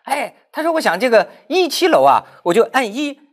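A man puts on a cheerful middle-aged masseuse who chirps and repeats herself. Her voice rides a lively, bouncing melody and has a slight husk to it. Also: extremely high pitch, fairly quick, voice pushed up, full character voice.

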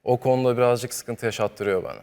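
A young man in his twenties, a studio guest answering questions modestly and softly. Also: mid-range voice, quick pace, clear, resonant tone. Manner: modest and soft-spoken, sings softly. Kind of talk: interview answers. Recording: long studio reverb.

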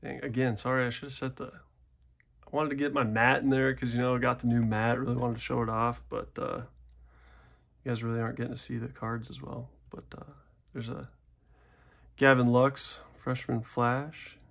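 Speaking at a moderate pace with a level tone, the young card-opening host has a medium-pitched, fairly bright voice with vocal fry. He chats casually at his indoor desk during pack openings, rambling and self-deprecating.

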